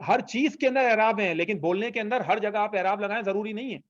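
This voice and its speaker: A man's voice: sits high, no echo, muffled recording. A man teaching an online language class, patiently repeating phrases for students to copy. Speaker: Arabic teacher.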